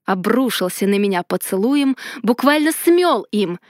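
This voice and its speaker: A woman narrating a first-person fantasy romance audiobook in a lively, expressive way. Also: mid-range voice, measured pace, no room sound, studio quality.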